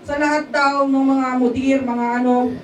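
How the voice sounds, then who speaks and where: Woman lay speaker, high voice, chatty testimony style, often turning to the congregation for agreement, recorded from a distance with faint background noise. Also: level tone, normal speed, roomy sound. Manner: keeps checking in with the congregation. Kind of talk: testimony sermon in a casual, conversational way. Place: church hall at a worship service.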